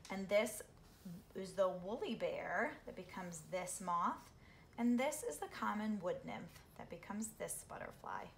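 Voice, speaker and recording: This storyteller is a woman of medium pitch with some vocal fry, reading a children's picture book from a couch in a small living room. She stretches out her phrases expressively and pauses to ask the kids questions, while the roomy home recording picks up background noise.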